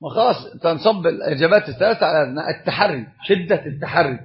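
A man's voice: on the high side, quick pace. A man giving a religious lesson, putting questions to his students and answering them himself. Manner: animated, asks questions to the class and answers them. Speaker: Islamic scholar teaching a course. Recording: dull lo-fi recording.

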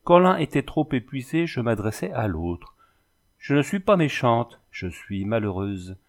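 A man voicing a pale, haunted young woman vampire in a storybook reading, hushed and plaintive. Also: mid-range voice, very animated, measured pace. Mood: pleading.

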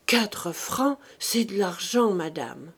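A meek, resigned peasant maid, voiced by a woman reader, speaking low and quietly. Her words come slow and soft. It is read like a storybook. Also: natural voice.

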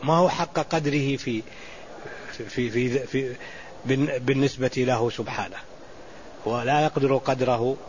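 Male sheikh teaching a lesson, measured, repeats himself, muffled lo-fi recording with faint hiss. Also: mid-range voice. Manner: explains slowly, repeating words and restarting phrases. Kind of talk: classical Islamic lesson commentary.

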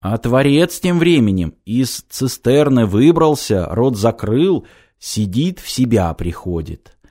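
A man reading a fairy tale aloud in a mock-solemn, expressive storytelling manner. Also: mid-range voice, takes it slowly. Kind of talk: read fairy-tale narration.

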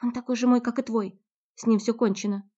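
A woman reading voices a fiery young woman who snaps out commands and climbs to shouts, her tone mellow and warm beneath the strain. The lo-fi recording has a dull, muffled edge. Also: fairly high pitch, fairly even intonation, fairly quick, voice pushed up, natural voice. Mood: earnest.

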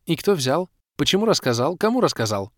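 A man voicing an excitable young woman in an audiobook, squealing and firing rapid questions. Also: medium pitch, dry recording, clean studio sound, pitched above the performer's own voice. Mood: pestering. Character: excitable young woman, shrieking, quick to pester. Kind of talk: audiobook character voice.

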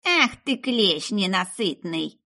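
A woman's voice: medium pitch, sing-song, slow pace, bright, forceful tone, voice pushed up, exaggerated voice. A woman putting on a bossy old witch. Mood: scolding. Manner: scolding, folksy grumbling. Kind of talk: audiobook character voice.

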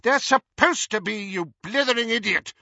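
A man's voice: on the high side, sing-song, moderate pace, sharp tone, slightly rough, no room sound, dull audio, pitched above the performer's own voice, full character voice. A man voicing a stern elderly woman teacher in an audiobook, clipped and authoritative. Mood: fierce.

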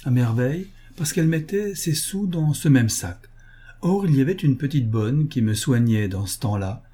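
A man reading as a witty young gentleman who teases his companions with playful tall tales. The voice is dark and husky in a novel read aloud. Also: mid-range voice, animated, moderate pace. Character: young Englishman, witty and teasing.

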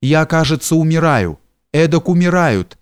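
A man's voice: fairly high pitch, lively intonation, normal speed, smooth, no echo, clean studio sound, close to an everyday voice. Man reading as a distraught princess. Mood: despairing. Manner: breathless, frantic, half-whispered. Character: distraught young noblewoman, a princess in despair.

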